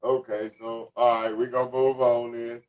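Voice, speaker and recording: A man's voice: mid-range voice, level tone, normal speed, recorded from a distance, poor audio. A man hosting a casual podcast interview, laid-back, stumbling over restarts as he asks questions. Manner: laid-back, stammering restarts, laughs easily. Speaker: host.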